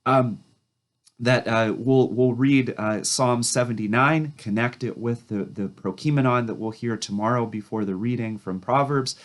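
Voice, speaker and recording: A priest who is losing his voice gives a daily scripture reflection with a halting delivery and frequent pauses. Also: mid-range voice. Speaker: Orthodox priest.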